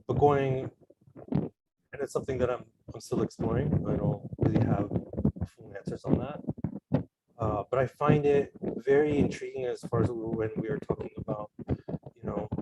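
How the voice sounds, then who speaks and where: A man from El Salvador speaking as a panelist in a discussion. He talks in a halting, reflective way, with many fillers and restarts. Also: mid-range voice. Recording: loud background noise.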